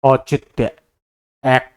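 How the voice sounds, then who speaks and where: A man explaining exam answers step by step. He asks questions and answers them himself, and he calls his students brother. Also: takes it slowly. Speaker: teacher solving an exam paper. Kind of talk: exam answer-key lesson.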